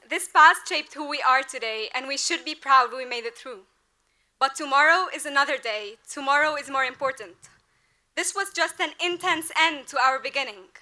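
At a large outdoor graduation, a young woman in her twenties speaks into the podium mic as class representative. Her high voice is pushed and bright, and her earnest, rhetorical speech climbs toward emphatic peaks.

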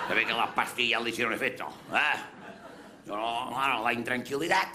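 A man with a Mallorcan accent performing a crude, rambling comic monologue in character on a café stage. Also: mid-range voice. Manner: brash, crude, rambling storyteller. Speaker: comedian in character. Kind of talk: live stand-up character monologue. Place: café stage before a live audience. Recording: live audience laughter throughout.

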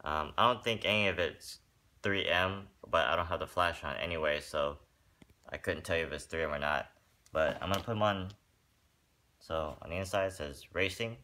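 Speaking in a low voice at a moderate pace, a man casually reviews sneakers for his vlog from a room with a wooden floor at home. He's relaxed and a bit rambling, with "um" cropping up often as filler.

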